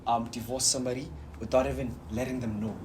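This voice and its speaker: A man co-hosting a casual podcast chat, animated and quick to laugh. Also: medium pitch. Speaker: co-host. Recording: noisy studio sound.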